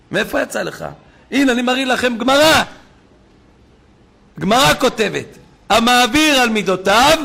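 A man preaching a sermon, fiery, swinging between shouted emphasis and quiet storytelling. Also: very high-pitched, vocal fry.

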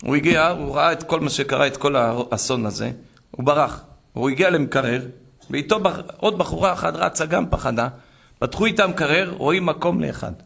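A male preacher tells a sermon story with mounting emphasis, rising to impassioned shouts at key points. His voice is gravelly and creaky, sitting somewhat high for a man.

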